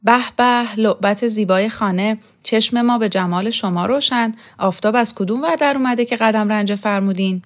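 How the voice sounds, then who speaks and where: A woman's voice: medium pitch, natural voice. A woman reading a novel aloud, voicing a man who teases with theatrical, mock-flowery courtesy. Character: mocking, flamboyant man, teasing with mock courtesy.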